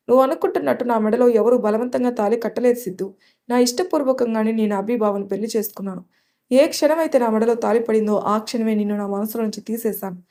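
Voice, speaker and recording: A woman's voice: a little high, mellow, natural voice. A woman voicing a young bride who is torn and tearful at times and stern and resolute at others. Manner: tearful, then firm.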